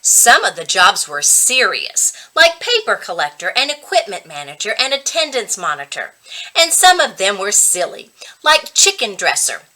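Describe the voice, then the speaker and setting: A woman with a medium-pitched voice reads a children's story aloud expressively. She uses dramatic pauses and stretches out key words for emphasis.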